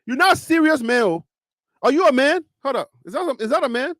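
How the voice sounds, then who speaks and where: This Liberian-accented man hosts a live stream with casual commentary, arguing emphatically through rhetorical questions and teasing. His delivery is brisk and animated, and his pitch climbs when he argues. The recording is clean, studio-quality, and free of echo.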